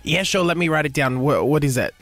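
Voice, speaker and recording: A man's voice: a little high, lively intonation, fast talker, no room sound. A man voicing a sassy, flirty woman from Bankstown who answers a radio phone line, with an Australian accent, brash and calling everyone bro. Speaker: radio host doing a character. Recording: loud music behind.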